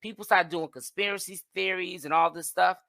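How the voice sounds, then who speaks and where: Lady chatting on her stream, bright voice, dry close mic, reads comments and trails off. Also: on the low side, fairly even intonation, a little fast, no room sound. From Boston, Massachusetts. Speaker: host of a livestream commentary channel. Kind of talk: casual chat reading viewer comments.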